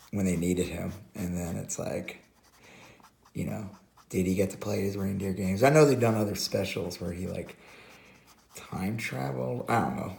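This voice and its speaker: A hoarse man casually commenting while he draws, rambling with many fillers and restarts. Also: low voice, darkish tone, echoey room. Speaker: host.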